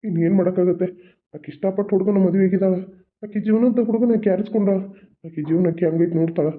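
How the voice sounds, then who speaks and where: A man voices a cartoon father who calmly comforts his crying wife. The voice sits high for a man. The audio is thin and tinny, like a phone line. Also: fast talker, lightly acted. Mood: consoling. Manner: soothing, reassuring. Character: calm consoling father, resigned.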